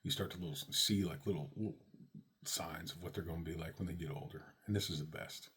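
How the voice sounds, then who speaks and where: A father tells a personal story in a very low, husky voice. He is an animated storyteller, and his voice leaps high whenever he exclaims. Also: brisk.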